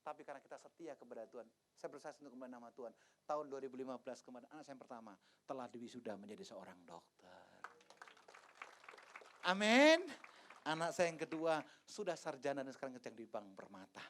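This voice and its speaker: A man in his fifties from Indonesia, a pastor telling stories in a sermon, swinging from hushed asides to loud exclamations and acting out the dialogue. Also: mid-range voice, animated, fast talker. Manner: acts out dialogue in different voices. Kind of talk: sermon with personal testimony.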